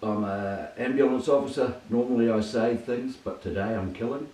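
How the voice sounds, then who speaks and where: A man's voice: medium pitch, moderate pace, dark tone. A man with a broad New Zealand accent, casually introducing himself. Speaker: ambulance officer. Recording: muffled, distant, echoey, faint noise.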